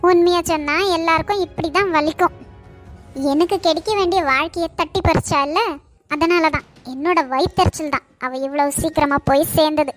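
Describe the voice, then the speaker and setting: A very high-pitched, sharp-tongued cartoon sister-in-law, bitter and resentful, as a woman plays her. Every line comes out cutting and taunting. Faint music plays under the voice. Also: steady tone, moderate pace. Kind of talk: cartoon voice acting. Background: faint background music.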